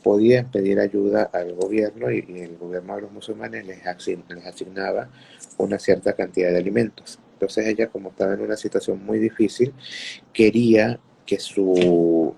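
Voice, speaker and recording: A male preacher telling religious stories to listeners in an unhurried way, often repeating words while he searches for the next one. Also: on the low side, fairly even intonation, vocal fry, dark tone, a little hiss or hum. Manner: greets listeners mid-talk. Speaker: Islamic preacher. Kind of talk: religious storytelling talk.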